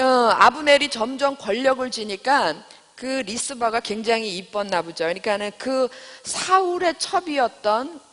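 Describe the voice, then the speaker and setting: A woman's voice: on the high side, creaky, a bit bright, big-room sound. A woman teaching a Bible study class in church. She quizzes her listeners and retells scripture in plain everyday speech.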